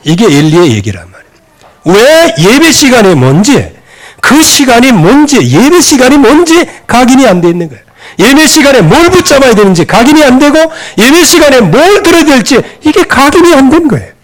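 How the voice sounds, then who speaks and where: A man preaching a sermon as pastor in a church, animated and acting out quoted scolding voices. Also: extremely high pitch, a little fast. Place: church sanctuary.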